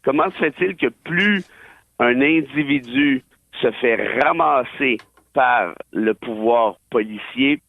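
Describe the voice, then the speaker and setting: A man's voice: medium pitch, slow, vocal fry, no echo. Québécois man commenting over a tinny phone line. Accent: Québécois French. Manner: emphatic, opinionated, wry asides. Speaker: political and legal commentator.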